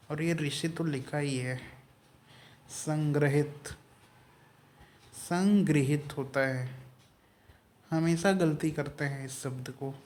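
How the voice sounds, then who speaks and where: A man's voice: a little high, a little mellow, slight background noise. A man teaching an exam-prep Hindi spelling lesson, explaining each word letter by letter.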